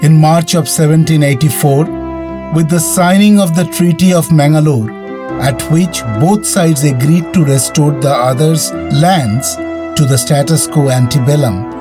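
A man's voice: a little high, measured pace. A man co-hosting and reading a scripted history narration. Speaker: podcast co-host. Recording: music bed under the voice. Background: background music.

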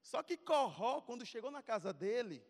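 A man's voice: extremely high pitch, moderate pace. A man preaching to a youth service, telling a comic story and acting out scenes. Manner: animated, acts out scenes, calls out to audience. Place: church sanctuary. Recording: long reverb of a church hall.

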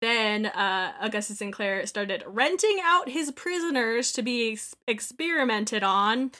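A woman chatting casually about a video game, animated, swearing freely and acting out bits of dialogue. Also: fairly high pitch, a little slow.

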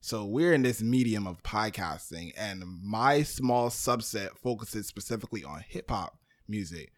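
Brooklyn guy chatting easy in an interview, kinda low voice, rambles a bit with lots of ums. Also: animated, normal speed. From Brooklyn, New York, USA. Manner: loose, rambling, frequent "um" and "you know". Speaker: podcast network founder, guest. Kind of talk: casual interview talk.

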